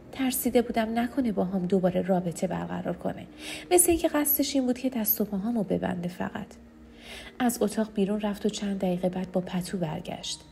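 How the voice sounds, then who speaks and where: A woman reading a novel aloud in the first person, with steady, hushed narration. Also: mid-range voice, gravelly, a little hiss or hum. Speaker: audiobook narrator.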